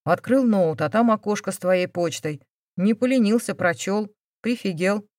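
A calm, self-assured young man, as a woman reads him, quiet and unflappable with a slightly lowered voice. The sound is dry and close. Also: moderate pace, dry recording, lightly acted. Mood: unruffled.

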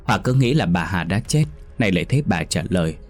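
A man narrating a scripted ghost story in a steady storytelling manner. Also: sits low, fast, faint music behind.

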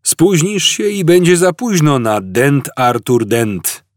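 A man reads a gentle old man in an audiobook. His voice is soft, sad and hesitant, slow and a little husky. It rises and falls widely. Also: medium pitch, very animated, no room sound, clean studio sound, pitched above the performer's own voice. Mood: mild, wistful. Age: over 60. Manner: soft-spoken, hesitant, mournful. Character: gentle, melancholy old man, mild and weary.

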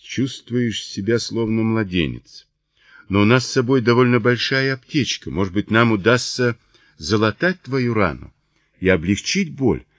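A man's voice: fairly low pitch, animated, normal speed, dry recording, natural voice. A man reading a worried but determined woman urging a wounded man to let her treat him. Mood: insistent.

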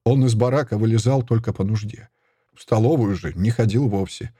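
A man narrating a first-person literary story in a measured, expressive way. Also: on the low side, slightly rough, no echo. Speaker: audiobook narrator.

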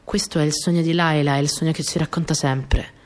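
In a low, natural voice at a fairly quick pace, an actress performs a radio drama monologue as a young partisan courier in wartime. The character is small, earnest, and easily flustered, and she recounts her story intimately and expressively, sounding earnest and reflective.

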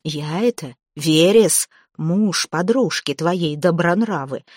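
A woman voicing a vengeful dead husband back from the grave, talking low, slow and with contempt. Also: a little mellow, dry recording, clean studio sound. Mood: menacing.

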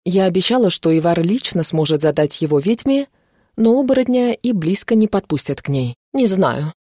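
A woman narrating a first-person fantasy audiobook in an even, measured reading. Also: lowish voice, no room sound, clean studio sound.

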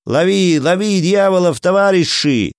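A man voicing rowdy drunk soldiers in a tavern, shouting raucously in a raised voice. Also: a little high, big pitch swings, slow, dry recording, clean studio sound, pitched above the performer's own voice.

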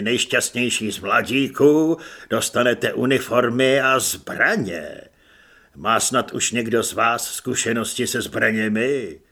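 A man voicing a commanding male army sergeant in an audiobook, speaking slowly and firmly. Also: mid-range voice, a bit bright, pitched below the performer's own voice.

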